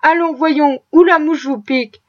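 Woman reader voicing a hulking, surly brute of a man, curt and growling, high voice, muffled audio. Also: a little slow, dry recording. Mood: gruff.

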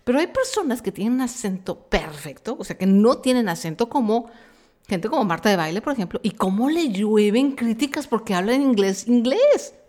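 A woman's voice: on the high side, very animated, normal speed, darkish tone. A middle-aged Mexican woman with a Mexican accent, hosting a podcast in a frank, chatty monologue full of slang and fillers. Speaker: podcast host. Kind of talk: casual chat monologue.

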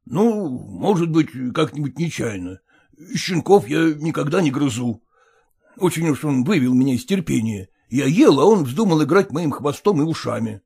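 Polkan, a man doing a husky, stern yard dog. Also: on the high side, big pitch swings, mellow, heavily acted. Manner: stern, indignant, slow deliberate delivery. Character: proud, fussy male yard dog. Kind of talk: audiobook reading.

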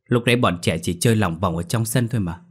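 A man's voice: on the low side, quick pace, husky. A man voicing a startled village man who questions what happened. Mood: alarmed.

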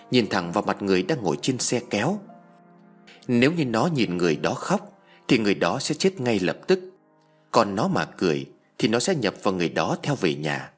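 A man narrating a ghost story in a suspenseful, measured reading. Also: on the low side.

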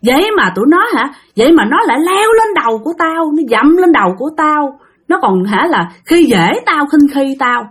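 A woman's voice: fairly high pitch, lively intonation, a little fast, few pauses. A woman voicing a furious male spirit that has possessed a boy, screaming accusations with a Southern Vietnamese accent.

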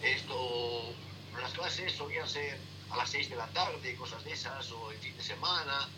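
A middle-aged man, a sailing instructor, answering interview questions in a halting way, full of fillers and tag questions. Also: mid-range voice. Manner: halting, many fillers and repeated "¿eh?". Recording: distant noisy remote line.

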